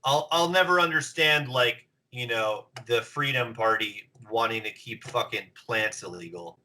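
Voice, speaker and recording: A man's voice: medium pitch, measured pace, bright, forceful tone, rough recording. A man chatting casually on a podcast in a blunt, slangy, sweary way. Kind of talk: casual chat.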